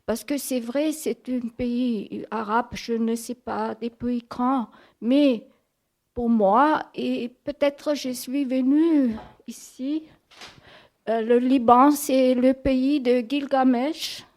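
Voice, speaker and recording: A woman with a foreign accent who is not a native speaker, asking an audience question in a halting, apologetic way as she searches for words. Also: high voice, fairly even intonation, a little mellow. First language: not French. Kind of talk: spontaneous question at a public talk.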